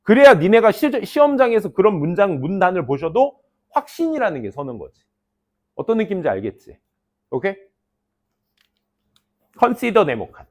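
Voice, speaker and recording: A middle-aged man teaching an English class, talking to students in a lively, playful storytelling way. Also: sits high, a little fast. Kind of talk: lecture to students.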